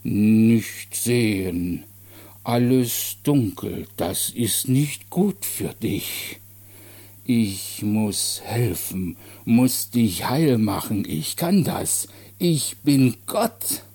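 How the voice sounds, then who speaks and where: A man's voice: animated, very slow, warm tone, husky, heavily acted. A man doing a childlike self-proclaimed god. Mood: earnest. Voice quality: booming bass. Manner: short broken sentences, childlike and insistent. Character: simple, excitable grown man who claims to be God.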